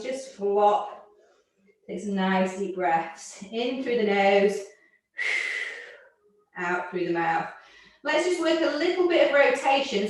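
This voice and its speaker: A woman fitness instructor cueing moves and counting reps, out of breath at times. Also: fairly high pitch. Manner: counts reps and cues moves, gently encouraging. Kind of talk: exercise class instruction. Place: room with barre and mats. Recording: echoey room, voice from far off.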